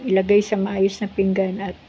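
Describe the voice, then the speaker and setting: A woman tells a personal faith story in an earnest, devotional way, speaking politely and respectfully to her listeners as friends. Her voice sits at an ordinary middle pitch. The recording is a bit dull and lo-fi, with a faint hiss underneath. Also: completely flat delivery, normal speed, warm tone. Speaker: Bible reading host sharing a testimony.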